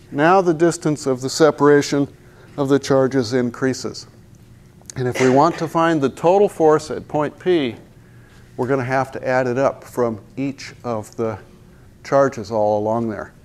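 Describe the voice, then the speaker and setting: This man, in his sixties, teaches a university physics lecture in a large hall with a lapel mic. He jokes, asks the class rhetorical questions, and walks over to point at the chalkboard as he talks, his medium-pitched voice slightly mellow.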